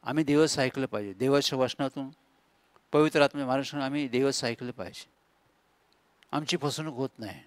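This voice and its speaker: A man's voice: mid-range voice, fast, long pauses, dry recording. A middle-aged man, a pastor preaching a sermon in an emphatic, repetitive style with lists and calls to listeners. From India.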